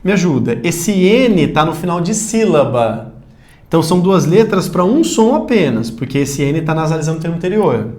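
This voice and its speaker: Animated Brazilian man teaching a lesson. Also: fairly high pitch, moderate pace. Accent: Brazilian Portuguese. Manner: animated, addresses viewer directly, shouts example words. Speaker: Portuguese teacher. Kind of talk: recorded video lesson.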